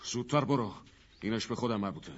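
An actor dubbing a stern, curt detective who gives commands. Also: male voice, lowish voice, highs cut off, noisy background, natural voice. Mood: commanding. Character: stern, calm detective, middle-aged man. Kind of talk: Persian film dub.

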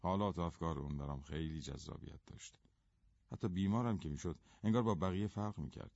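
A man giving scripted story narration in a measured storytelling manner. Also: low-pitched, darkish tone, dry recording, dull audio.

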